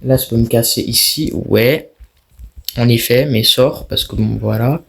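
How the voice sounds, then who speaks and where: A young gaming YouTuber provides casual let's-play commentary on a horror game, jumpy and restless as he talks to himself and his viewers while playing. His voice is mid-range and a bit bright, with vocal fry and a measured pace.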